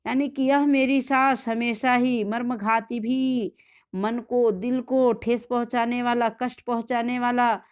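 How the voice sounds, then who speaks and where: A woman's voice: fairly high pitch, clean tone. A woman teaching a Sanskrit textbook lesson, reading each line and then explaining it word by word.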